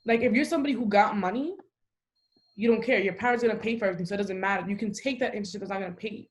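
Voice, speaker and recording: A young woman from the Dominican Republic hosts a podcast, chatting casually and very fast in an ordinary middle-pitched voice. She's talkative and emphatic, with loose delivery and frequent "like" fillers.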